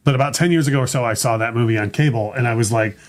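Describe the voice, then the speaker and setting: Speaking in a rapid-fire, mid-range voice, this middle-aged podcast host runs a laid-back music show from a small purple-lit studio. His talk wanders, full of fillers and false starts.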